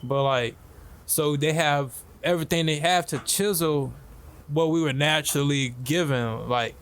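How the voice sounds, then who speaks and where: Higher-voiced man chatting. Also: measured pace, a bit bright, clean tone. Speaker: podcast co-host. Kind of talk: casual chat.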